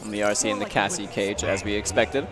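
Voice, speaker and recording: A man's voice: fairly low pitch, steady tone, a little fast, crowd noise. A man giving live fighting game commentary as an esports commentator. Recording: loud music behind, live venue. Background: music and event venue sound.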